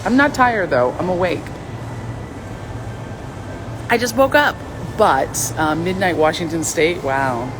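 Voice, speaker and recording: A raspy-voiced woman runs a live stream, bluntly and playfully reading and responding to viewer comments in casual chat. Her voice is fairly low, expressive and slow, with long pauses over a noisy background.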